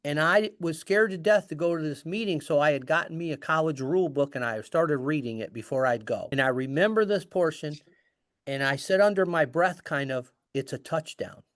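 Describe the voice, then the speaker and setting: A middle-aged man appears as a guest storyteller, casually relating a story and animatedly acting out the dialogue. He speaks fairly quickly in a fairly high voice, recorded dry with clean studio sound.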